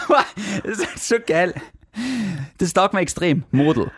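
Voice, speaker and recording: Animated Austrian man, lively chat. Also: high voice, unhurried, no echo, clean studio sound. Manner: animated, laughs often, reads messages aloud. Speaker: podcast co-host. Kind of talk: casual chat.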